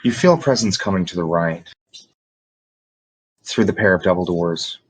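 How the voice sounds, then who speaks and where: A man running a tabletop game as game master, slowly describing rooms and calling for dice checks. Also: low-pitched, lively intonation, slightly rough, low-quality recording. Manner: slow, descriptive scene-setting with small restarts.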